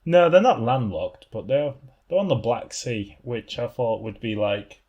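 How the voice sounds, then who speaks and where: A man's voice: medium pitch, lively intonation, measured pace, a little mellow, lo-fi sound. A man co-hosting a podcast in casual chat, rambling and joking with frequent laughs. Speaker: podcast co-host.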